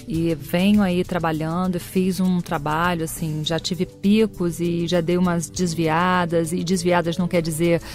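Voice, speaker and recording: A middle-aged career coach speaks expressively in a conversational interview, acting out the lines she quotes. Her voice is fairly low and measured, with hardly any pauses, and faint music plays behind her.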